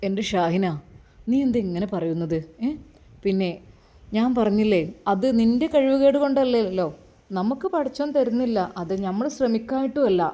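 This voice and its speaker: A woman voicing a gentle, loving young husband in an amateur story drama. She speaks in a Malappuram Malayalam accent, soft and soothing. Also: fairly high pitch, moderate pace, natural voice.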